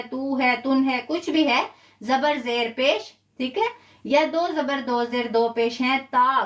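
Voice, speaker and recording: A woman teaching a live online lesson, explaining patiently step by step and drawing out example words slowly. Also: fairly high pitch, a bit bright. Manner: slow, drawn-out recitation of example words. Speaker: Quran teacher. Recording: roomy, a bit far from the mic.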